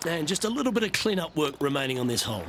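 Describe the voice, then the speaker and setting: A man calling golf shots as a play-by-play commentator in a calm, measured manner. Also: on the high side, a crowd in the background. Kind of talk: prerecorded video game sports commentary.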